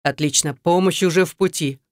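A steely, unshakable man barks calm orders down a phone line, as a woman reader puts him on. He sounds firm and commanding, pitched a little lower than the reader's own voice. The sound is close and dry. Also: fairly quick, dry recording, close to an everyday voice. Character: calm, firm middle-aged male rescuer on the phone.

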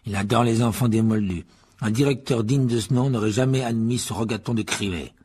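A man voicing a sneering, arrogant pure-blood boy wizard, scornful and gloating in a raspy voice. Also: mid-range voice, fairly quick, a little mellow, lightly acted.

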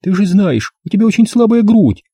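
A man's voice: high voice, sing-song, a little fast, dark tone, breathy edge, no room sound, clean studio sound, voice pushed up, exaggerated voice. A man voicing a fussy, anxious middle-aged mother who nags her grown son in an audiobook. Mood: fretting. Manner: smothering, nagging. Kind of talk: audiobook character voice.

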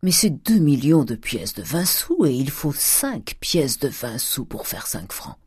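Stingy old patriarch, scolding and dismissive, read by a woman narrator; low, dark, dry. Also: big pitch swings, unhurried, husky, no room sound, full character voice. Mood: stern. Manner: dismissive, lecturing. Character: miserly old provincial father, curt and scolding. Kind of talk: audiobook character reading.

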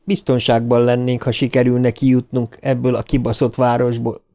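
A man's voice: mid-range voice, little pitch movement, dark tone, close to an everyday voice. A man voicing a frightened, wisecracking boy who mutters. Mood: sullen.

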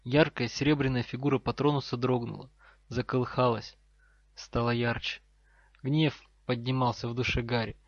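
A man narrating a novel in a measured, even reading voice. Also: medium pitch, no room sound. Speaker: audiobook narrator. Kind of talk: scripted narration. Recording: dry, slightly dull recording.

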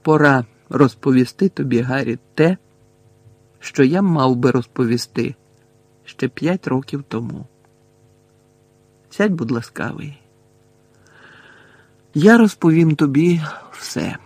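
A man voicing a tired, wise old wizard headmaster, speaking softly and evenly. The voice has a gravelly, husky grain, recorded close in a dry space. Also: medium pitch, lively intonation, dry recording. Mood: weary. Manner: quiet, measured, gentle. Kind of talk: audiobook character voice.

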